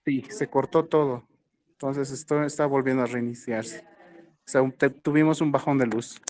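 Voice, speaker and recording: A man's voice: mid-range voice, steady tone, moderate pace, a little mellow. Polite guy from the church stream team apologizing on a call. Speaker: church broadcast staff. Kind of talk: casual call.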